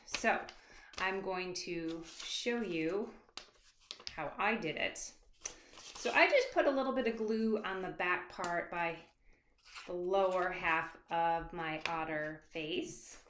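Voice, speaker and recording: A woman with a medium-pitched, slightly bright voice guides children through an unscripted craft, one step at a time, in a relaxed and encouraging way. She's a children's author running the demonstration, recorded with roomy echo and some faint background noise.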